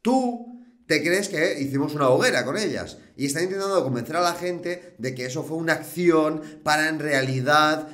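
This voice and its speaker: A man's voice: fairly high pitch, a bit bright. A man, hosting a show and rebutting a rival in a combative, scolding, mocking tone. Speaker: host. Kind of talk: reaction rebuttal.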